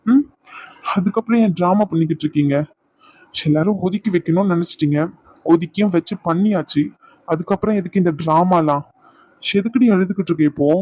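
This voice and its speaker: A man's voice: a little high, darkish tone, no echo, lightly acted. A man voicing a jealous young husband in a dubbed cartoon, sarcastic and accusing, recorded lo-fi. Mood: bitter. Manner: accusing, sarcastic, repeats his demands. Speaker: cartoon voice actor.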